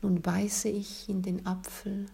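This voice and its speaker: A woman leading a guided relaxation in a soft, soothing, breathy spa-like whisper, as scripted narration. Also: mid-range voice, flat delivery, slow pace.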